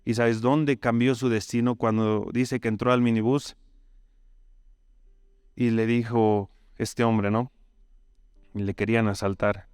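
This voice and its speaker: A man's voice: medium pitch, flat delivery, measured pace, pauses often, darkish tone, clear, resonant tone, no echo, studio quality. A man with a Bolivian accent preaching a sermon. He tells the story conversationally and keeps asking tag questions of his listeners. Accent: Bolivian Spanish.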